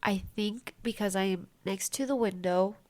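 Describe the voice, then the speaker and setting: A young woman with a congested, mid-range voice and a slightly dark tone hosts a casual, diary-style podcast from a small room at home. She talks at a moderate pace, rambling and chatty, and often interrupts herself.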